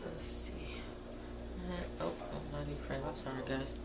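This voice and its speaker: A woman hosting a colouring tutorial vlog chats casually while she colours, thinking aloud in a folksy, informal way. Her deep, creaky voice has little pitch movement and runs at normal speed. The home camera mic is distant, making the sound roomy and noisy.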